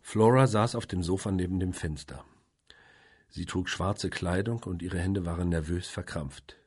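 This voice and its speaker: A man narrating an audiobook in a calm, measured way. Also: sits low, breathy edge. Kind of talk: audiobook reading.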